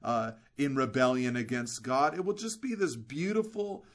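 Male pastor, mid-range voice, earnest sermon delivery with slow stressed words and rhetorical questions. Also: mid-range voice.

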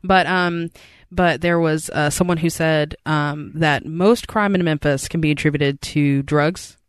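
A man co-hosting a podcast, walking through news stories with frequent ums and restarts in a voice a bit higher than most men's. His tone is smooth and clear, captured dry and up close. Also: steady tone, unhurried, no echo. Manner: hesitant, lots of ums, explanatory. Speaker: podcast co-host, journalist. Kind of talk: casual chat.

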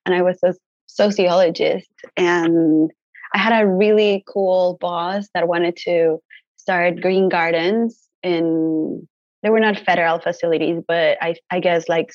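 A young Mexican woman whose native language is Spanish chats casually as a guest herbalist in an interview, laughing easily and using "like" a lot. Her voice is fairly low and slightly mellow. The audio is dull but has no echo.

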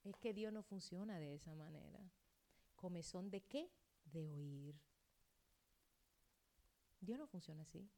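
A woman's voice: lowish voice, lively intonation, measured pace, vocal fry, pauses often. Dramatic woman pastor preaching a sermon. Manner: dramatic, acts out quoted dialogue, wide swings between loud and hushed.

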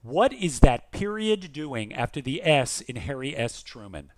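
An unhurried, sing-song man with a mid-range voice co-hosts a podcast in a dry recording. He reads letters from listeners and chats with theatrical, emphatic humor in a lively, casual tone.

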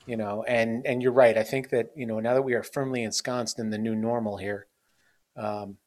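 With a steady tone at normal speed, a man in his forties hosts a podcast in a medium, slightly mellow voice. He keeps the interview casual, meandering and self-deprecating, with plenty of filler words.

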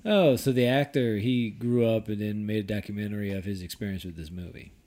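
A man hosting a casual podcast, animated and laughing often, swearing freely. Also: on the low side, brisk. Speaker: podcast host.

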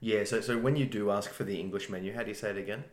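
A man's voice: lowish voice, racing, reverberant. A man co-hosting a casual chat, joking and repeating words as he starts sentences. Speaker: co-host.

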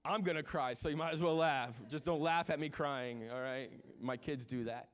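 A forties-aged pastor preaches at a moderate pace in a slightly high voice. He's conversational and joking with the congregation, often doubling back and repeating words as he restarts.

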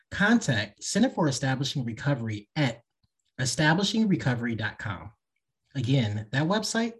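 A man with a husky voice hosting a podcast and reading announcements to listeners. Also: medium pitch. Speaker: podcast host.

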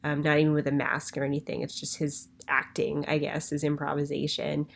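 Voicemail caller: woman with a low voice, over a phone line, thoughtful and rambling, lots of ums. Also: completely flat delivery, a little fast, creaky. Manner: thoughtful, musing, with frequent ums and trailing phrases. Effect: heard over a phone line as a voicemail. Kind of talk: recorded listener voicemail.

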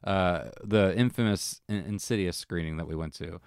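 Brief: young adult male co-host, low smooth voice, dry close sound, rambling animated anecdotes. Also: moderate pace, dry recording. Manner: animated storytelling, swearing, many fillers. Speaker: podcast co-host. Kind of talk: casual chat.

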